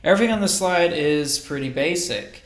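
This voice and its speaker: A man walks through a chemistry lesson in an easygoing, unscripted way, pausing to think and fixing his own slips as he goes. His voice sits a little high for a man. The recording carries a noticeable room echo. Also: slight background noise. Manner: relaxed, thinking aloud with fillers and self-corrections. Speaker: chemistry lecturer. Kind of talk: casual recorded lecture over slides. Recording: roomy echo.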